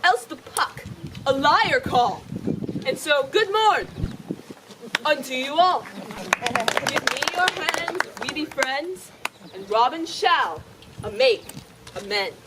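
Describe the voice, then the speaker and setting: A woman's voice: sits high, animated, slow, pauses often. A woman playing a cheeky, mischievous fairy sprite, reciting verse to the audience in hammy, declamatory stage style. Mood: playful. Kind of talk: theatrical verse narration on stage. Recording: noisy live stage, distant microphone.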